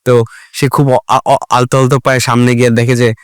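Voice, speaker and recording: Animated male podcast host telling a story. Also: mid-range voice, a little fast, clear, resonant tone, no echo, clean studio sound. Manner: animated storyteller, mixes English into Bengali. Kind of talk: casual storytelling chat.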